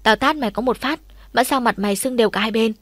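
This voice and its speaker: A woman voicing a blunt, scolding middle-aged mother with a gruff, sarcastic manner in audiobook dialogue. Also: a little high, fast talker, no room sound, clean studio sound, close to an everyday voice.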